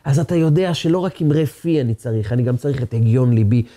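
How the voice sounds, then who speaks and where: A man's voice: medium pitch, dark tone. A man giving an earnest sermon as a rabbi, acting out quoted speech as he teaches.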